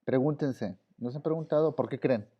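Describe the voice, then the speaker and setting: A man's voice: mid-range voice, fairly quick. A man with a Mexican accent teaching an online class in a casual way, full of fillers. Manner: casual, many fillers like "este". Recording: slightly dull audio.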